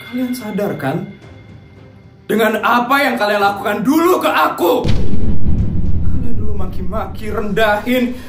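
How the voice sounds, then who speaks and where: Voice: medium pitch, lightly acted. A voice actor playing a woman in a cartoon who gloats and taunts a family that once mistreated her. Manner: taunting, mocking. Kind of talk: cartoon voice acting. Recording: roomy echo with faint music.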